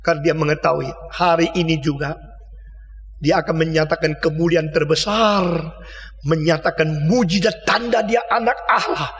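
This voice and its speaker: An older man preaching a sermon as pastor, impassioned and swinging from quiet to shouting. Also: a little high, moderate pace. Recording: long hall reverb.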